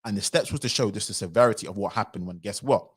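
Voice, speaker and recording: A man giving animated livestream commentary, sometimes acting out other people's voices. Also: fairly low pitch, quick pace, slightly rough. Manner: animated, acts out quoted voices.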